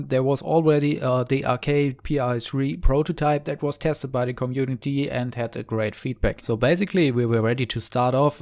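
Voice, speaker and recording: A man's voice: mid-range voice, a little mellow. A young man with a German accent, a native German speaker, explaining the story of his game mod project in a casual, earnest devblog. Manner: earnest, explanatory, slightly non-native phrasing.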